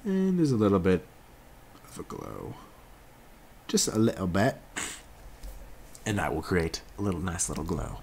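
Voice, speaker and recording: A young man hosting a casual software tutorial, laid-back and jokey, often correcting himself as he works along. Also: low voice, sing-song, measured pace, gravelly, long pauses, slight background noise. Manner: laid-back, jokey, self-correcting, talks while working. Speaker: tutorial host.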